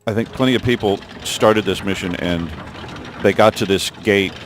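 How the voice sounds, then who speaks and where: Over footage of a mission he built himself, a man rambles through let's-play developer commentary, stumbling into fillers and restarts. His pitch is fairly low and his pace moderate, with a slight hiss or hum in the background.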